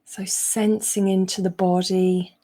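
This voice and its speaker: This guided meditation comes from a woman coach whose mid-pitched voice is mellow and relaxed. Her unhurried, gentle instructions arrive in short phrases separated by frequent pauses.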